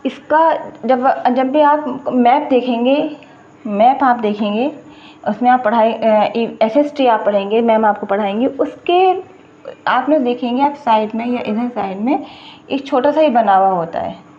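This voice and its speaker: Woman teacher, patient and repetitive, slightly high voice, dull lo-fi sound. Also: unhurried. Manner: patient, repeats words and spells them out letter by letter. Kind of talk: beginner language lesson.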